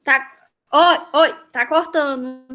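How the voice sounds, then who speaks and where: Very high woman on a breaking-up call line. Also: fairly even intonation, slow, sharp tone. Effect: choppy, breaking-up call audio from a bad internet connection. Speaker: student. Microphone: online video call.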